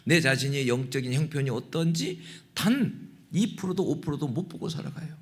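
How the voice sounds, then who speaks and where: A man preaching a Sunday sermon as a pastor, emphatic and prodding his listeners with rhetorical questions, swinging from loud exclamation to hushed intensity. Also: a little high, expressive, moderate pace.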